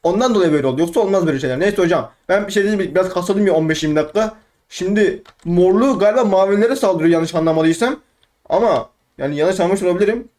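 A young man giving excitable, rambling let's play commentary, trash-talking opponents and talking to himself. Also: high voice, quick pace. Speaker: gaming YouTuber.

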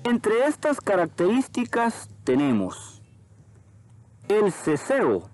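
A man narrating a Spanish language lesson, slow and careful. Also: a little high. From Honduras. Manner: slow, careful, lively intonation. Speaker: teacher. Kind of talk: educational narration.

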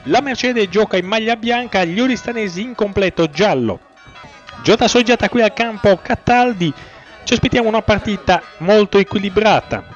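Guy doing football commentary, really high voice, excitable, muffled lofi sound w faint music. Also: normal speed. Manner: excitable, swells on chances and goals. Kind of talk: live sports commentary of a youth football match. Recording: dull lo-fi audio, faint music.

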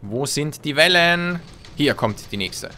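A man's voice: fairly high pitch, lively intonation, takes it slowly, sharp tone, faint music behind. A man giving joking, playful commentary on a shooter game, talking to the enemies and to his teammates. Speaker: let's play host. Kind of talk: gameplay commentary.

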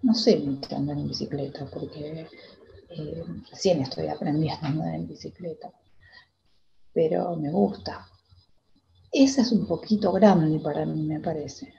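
A woman with an Argentine accent playing a timid young girl in a theater monologue, talking in a hesitant, halting way. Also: deep voice, fairly even intonation, creaky, dark tone, muffled recording. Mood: wistful. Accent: Argentine Spanish. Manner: hesitant, halting, many restarts. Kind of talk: theater monologue, reliving a memory.

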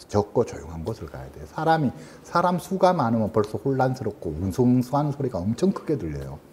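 A man in his sixties, a psychologist, giving an educational lecture in a husky voice, explaining patiently with emphatic rises in pitch. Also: warm tone. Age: 60s.

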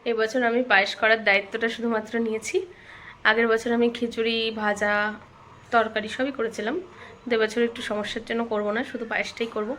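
A woman's voice: on the high side, flat delivery, fast talker, a bit bright. Chatty young woman vlogging at home. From North Bengal, India. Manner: chatty, explaining as she films. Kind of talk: casual vlog narration. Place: family home in a village during a home puja. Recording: noisy home ambience.

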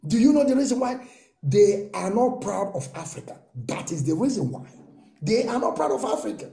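A man's voice: high voice, mellow, echoey room. A man in his thirties with a Nigerian accent, giving a fervent monologue to camera with many rhetorical questions and repetitions. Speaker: political commentator. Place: small room indoors.

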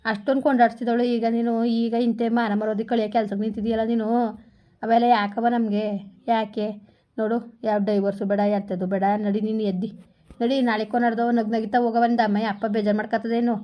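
A woman's voice: on the high side, level tone, fast talker, warm tone, natural voice. A woman playing a worried village mother who coaxes and scolds her daughter. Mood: coaxing. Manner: coaxing, reproachful. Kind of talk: village comedy skit.

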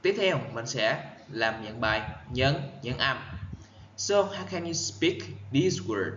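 A male English teacher with a Vietnamese accent, giving an exam-prep lesson. He reads words out carefully, repeats them for pronunciation and explains in quick bursts. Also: mid-range voice, expressive, a bit bright, echoey room, muffled recording, slight background noise. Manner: reads answer options slowly, then explains in quick bursts.

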